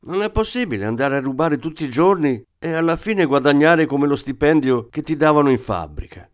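A man's voice: fairly high pitch, expressive, brisk, voice pushed up, close to an everyday voice. A man voicing a crude, hot-tempered male thief from the Rimini area who blusters and swears. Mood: indignant. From Rimini area, Italy. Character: crude excitable small-time male thief.

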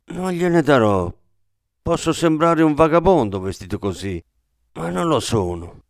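A man's voice: fairly high pitch, sing-song, unhurried, no room sound, studio quality, pitched above the performer's own voice. Humble, polite young drifter voiced by a male narrator in a storybook reading, earnest and plain. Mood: pleading.

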